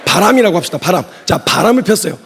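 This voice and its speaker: A man preaching at a youth retreat, lively and humorous, acting out quoted lines as he speaks. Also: high voice, fast talker. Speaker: missionary preacher. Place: large church hall. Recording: long hall reverb, husky voice.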